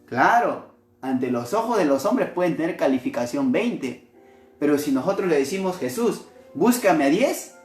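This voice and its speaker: A male missionary preaches a devotional sermon in a lively voice with wide swings of pitch. He keeps turning to his listeners with rhetorical questions. The room is echoey, with faint music underneath. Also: normal speed. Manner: animated, asks rhetorical questions.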